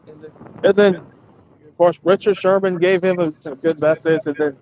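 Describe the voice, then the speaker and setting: A man talking casually on a video call as a guest, halting and restarting his sentences. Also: sits high, fairly even intonation, a little hiss or hum. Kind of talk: casual chat. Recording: dull, dry call audio.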